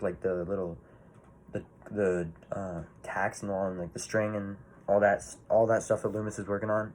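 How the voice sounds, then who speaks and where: Low-voiced man rambling about movies. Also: slight background noise. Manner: rambling, swears freely, many fillers and restarts. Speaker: movie reviewer. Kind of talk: casual movie review.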